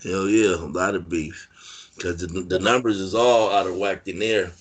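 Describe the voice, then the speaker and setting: Very deep voiced californian guy rambling through prison stories, lots of likes and you knows. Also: fairly even intonation, normal speed, slightly rough. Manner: rambling, filler-heavy street talk. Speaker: interview guest, former prisoner. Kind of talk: casual storytelling interview.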